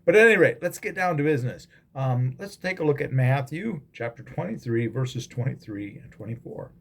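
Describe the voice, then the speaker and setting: A man's voice: mid-range voice, expressive, brisk, creaky. A man, a pastor, giving a casual devotional talk with frequent ums and restarts, recorded as a phone video.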